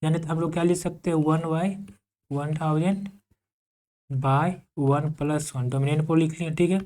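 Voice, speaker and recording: A man's voice: a little high, steady tone, darkish tone. A man teaching an electrical engineering class, asking the class questions and repeating key terms as he dictates notes. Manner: dictates slowly for note-taking.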